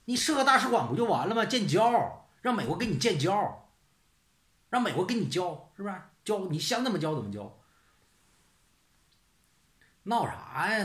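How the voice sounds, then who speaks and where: A man's voice: a little high, a bit bright. A man hosting his own channel, ranting in a blunt, sarcastic, casual way. He swears often and keeps throwing out rhetorical questions. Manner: rhetorical questions, "是不是" tag. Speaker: channel host. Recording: roomy echo.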